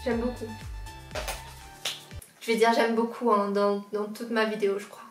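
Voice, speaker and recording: A woman's voice: mid-range voice, flat delivery, moderate pace. A woman in her twenties from La Réunion, casually showing off her school supplies in a vlog and repeating how much she likes each item. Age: 20s. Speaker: lifestyle vlogger. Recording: roomy sound, mic at a distance, faint background music.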